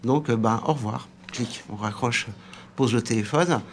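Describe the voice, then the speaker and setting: With a little hiss or hum behind him, a radio guest in his sixties who used to sell books tells a story, acting out what people said. His medium-pitched voice moves at a moderate pace, and his storytelling is lively.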